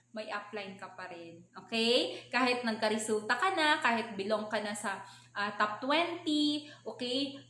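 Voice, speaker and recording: A Filipino woman with a fairly high voice leads an upbeat motivational training session. She talks with energy and keeps asking "okay?" to check in with her listeners. The sound is roomy and echoey. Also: a bit bright, a little hiss or hum. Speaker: network marketing trainer.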